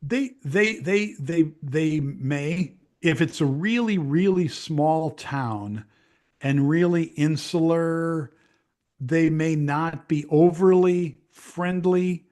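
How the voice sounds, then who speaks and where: Older American guy, news veteran, slightly high voice, stop-start delivery with lots of repeats. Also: a little mellow. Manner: talks in halting bursts with repeated words and restarts. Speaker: interview guest, veteran news broadcaster. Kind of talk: casual conversational interview.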